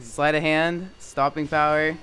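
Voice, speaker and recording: A teenage boy joins a casual gameplay commentary as a guest, his voice bright and a little high. He chimes in with jokes and wisecracks. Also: little pitch movement, unhurried. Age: teens. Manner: joking, wisecracking interjections.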